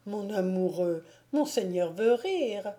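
A woman's voice: medium pitch, lively intonation, slow pace, mellow. A woman voicing a sweet, humble teenage peasant girl who speaks beseechingly, in a storybook reading. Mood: pleading.

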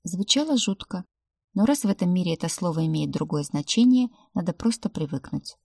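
Warm breathy woman narrating an audiobook. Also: fairly low pitch, expressive, a little fast, no echo, clean studio sound. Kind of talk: first-person audiobook narration.

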